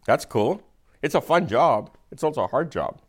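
Speaking at a medium pitch with an Indian accent, this venture capitalist is animated yet patient in casual conversation. He explains things with measured emphasis.

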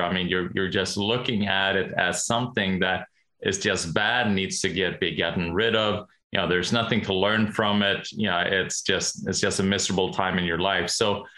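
A man's voice: low voice, bright, forceful tone, reverberant. A man hosting an interview podcast, often repeating words as he asks his questions. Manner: hesitant, repeats words when asking questions. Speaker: podcast host.

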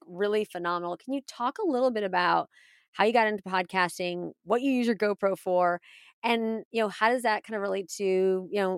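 A woman with a smooth, clear voice that often dips into vocal fry. She asks questions as an interviewer in an informal, enthusiastic style, recorded dry and close. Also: mid-range voice, dry recording. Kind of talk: casual interview chat.

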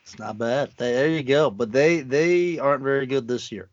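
A man's voice: medium pitch, normal speed, lo-fi sound. A man co-hosting a podcast, chatting casually about football, laid-back and laughing easily, with frequent restarts. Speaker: podcast co-host. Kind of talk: casual sports chat.

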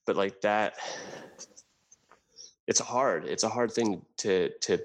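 Guy in his 30s from jersey, low voice w lots of fry, earnest and halting, keeps restarting. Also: poor audio. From New Jersey, USA. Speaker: guest telling his life story. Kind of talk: candid personal storytelling.

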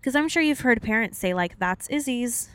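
A young woman co-hosts a podcast, chatting casually and somewhat long-windedly, laughing often and leaning on "like" as a filler. Her voice is a little high, smooth and a bit bright, with lively intonation at a moderate pace.

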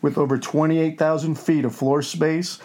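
A man's voice: on the high side, little pitch movement, normal speed, warm tone, close to an everyday voice. A man playing a gleefully crude wolfman who hosts a campy horror show with hammy, scripted storytelling. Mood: gleeful, ghoulish.

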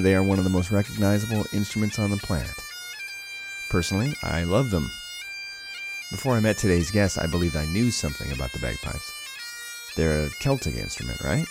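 A man hosting a podcast interview, talking enthusiastically and rambling as he tells stories from his home. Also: low voice. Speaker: podcast host. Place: home in Hawaii.

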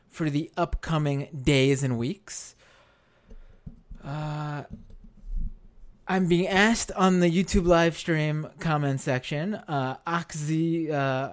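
An American man with a hoarse, worn-out voice hosts a live stream, talking casually and haltingly, repeating phrases for emphasis. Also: on the high side. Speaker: live stream show host.

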